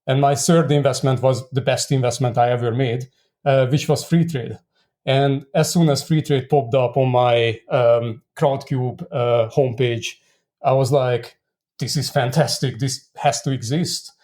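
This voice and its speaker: Mellow-voiced Hungarian man, reflective guest. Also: medium pitch, steady tone. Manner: measured, reflective storytelling with frequent fillers. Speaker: startup co-founder guest. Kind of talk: conversational interview.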